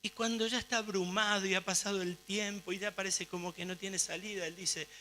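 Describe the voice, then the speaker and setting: A man's voice: sits high, fairly even intonation, brisk, pushed and bright. A man with an Argentine accent preaching a sermon in a fervent, emphatic way. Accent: Argentine Spanish.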